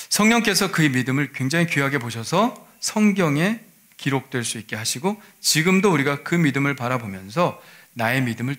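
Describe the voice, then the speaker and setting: A man's voice: mid-range voice, a bit bright. A male pastor giving a sermon in a conversational way, often asking his listeners rhetorical questions.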